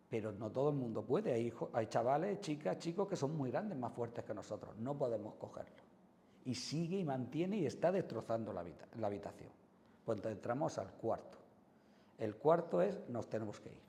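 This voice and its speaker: A man with a Spain Spanish accent giving expressive educational advice to parents as a psychologist, swinging between loud and soft as he acts out examples. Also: mid-range voice, long reverb tail. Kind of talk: educational talk to camera.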